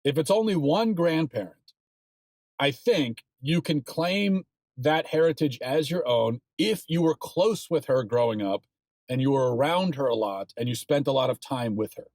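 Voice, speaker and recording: A man's voice: medium pitch, moderate pace, a little mellow, no room sound. A man delivers solo political commentary in a mid-range voice, building his arguments and leaning into emphatic, insistent points. He is recorded close on the mic in a dry studio with no room sound. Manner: sports analogies.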